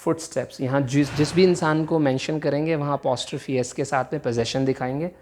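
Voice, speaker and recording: A man's voice: fairly high pitch, fairly even intonation, a little mellow. A man teaching vocabulary, explaining patiently and repeating each word carefully. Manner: explains slowly, repeats words carefully, switches between Hindi and English. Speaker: English teacher. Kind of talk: bilingual vocabulary lesson.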